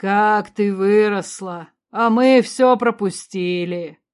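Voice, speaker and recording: Brief: aging king father, remorseful and stern, slow loud muttering, voiced by a woman narrator. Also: medium pitch, close to an everyday voice. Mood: remorseful, muddled.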